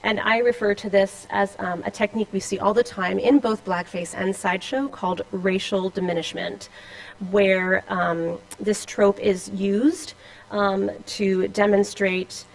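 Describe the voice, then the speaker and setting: Woman with a gravelly edge giving an academic talk. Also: mid-range voice, flat delivery, a little slow, low-quality recording. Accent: Boston. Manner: scholarly, reading a paper with asides and fillers. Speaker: conference speaker. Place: lecture room with slides.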